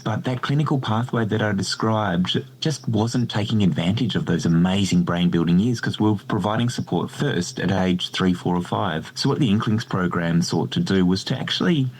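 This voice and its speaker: An Australian man being interviewed on a podcast, explaining his work with enthusiasm and self-deprecating humour. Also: deep voice. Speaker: guest researcher.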